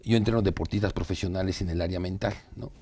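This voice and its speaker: A man's voice: deep voice, fairly even intonation, fast talker, darkish tone. A man, a psychologist explaining ideas through anecdotes, acting out the quoted dialogue and tagging rhetorical "¿no?". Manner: storytelling, acts out quoted dialogue, asks rhetorical "¿no?". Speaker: psychologist guest.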